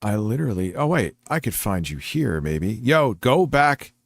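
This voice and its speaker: A man's voice: medium pitch, very animated, normal speed, vocal fry, no echo, clean studio sound. A man hosting a livestream in a casual, sweary reacting style. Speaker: livestream host reacting to videos. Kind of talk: casual profane chat.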